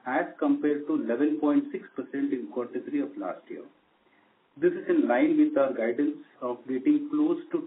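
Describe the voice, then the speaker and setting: A man with an Indian accent, speaking as a company executive, reads out a scripted earnings presentation in a formal manner on a conference call. His slightly high voice carries over a tinny, narrowband phone line, with slight background noise.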